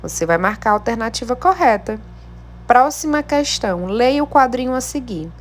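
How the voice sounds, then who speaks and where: A woman teacher, giving a remote lesson to young pupils in a slow, clear, encouraging way. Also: a little high, expressive. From Brazil. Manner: slow, clear, encouraging teacher delivery addressing children at home. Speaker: primary school teacher. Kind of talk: remote class lesson reading a textbook.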